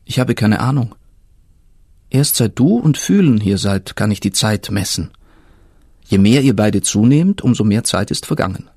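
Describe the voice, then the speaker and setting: A man voicing an ancient, patient, all-knowing river spirit in a storybook reading, speaking in a solemn murmur with a husky tone. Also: fairly low pitch, expressive, normal speed, darkish tone, no room sound, clean studio sound.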